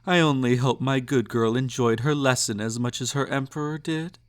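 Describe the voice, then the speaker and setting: Close to his everyday voice, a man with a mid-range pitch and moderate pace takes on the role of a snobby, possessive emperor in intimate romantic audio roleplay. He's indulgent and menacing, his tone haughty, purring and condescending, and the mood smug, tender and teasing.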